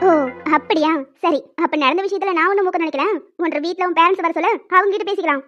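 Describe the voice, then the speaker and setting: A woman voicing a stern young female professor who lectures and scolds in an animated story. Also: very high voice, fast talker, muffled recording, music in the background.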